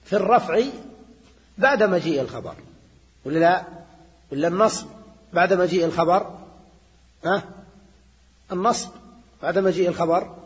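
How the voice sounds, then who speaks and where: A man's voice: high-pitched, normal speed, long pauses. An older man giving a classroom grammar lecture, explaining and repeating points and often checking in with his students. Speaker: teacher of Arabic grammar. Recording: dull lo-fi recording in a reverberant hall.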